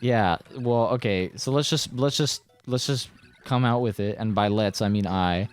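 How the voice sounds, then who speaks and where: Rambling, joking young man with a low voice. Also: moderate pace, clear, resonant tone, soft background music. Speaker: co-host. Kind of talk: casual chat.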